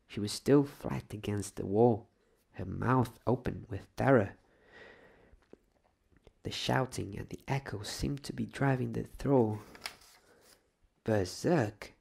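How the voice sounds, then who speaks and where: In a soft ASMR style, a male storyteller reads a bedtime story aloud, his low, husky voice heavy with creak. He speaks slowly and hushed, sometimes whispering, leaving long pauses.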